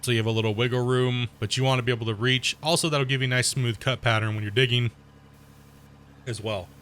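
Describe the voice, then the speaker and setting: This fast-talking man with a medium-pitched voice hosts a gaming channel. Though sick and losing his voice, he rambles through commentary on his own gameplay, explains the terms he uses, and erupts excitedly when things go awry.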